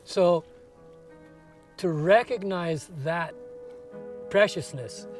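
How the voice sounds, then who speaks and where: A Scottish man in his sixties, reflecting in a documentary interview, thoughtful and earnest, pausing and repeating words as he searches for them. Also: high voice, faint music behind. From Scotland. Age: 60s. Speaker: barefoot walker interviewed.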